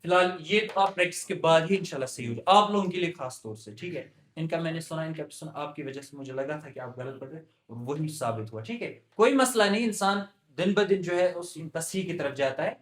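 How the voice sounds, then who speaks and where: A man teaches a recitation class in a fairly high voice. He drills each word again and again at a patient pace, and his voice rings in an echoey room. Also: fairly bright tone. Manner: patient, repeats words slowly to drill pronunciation.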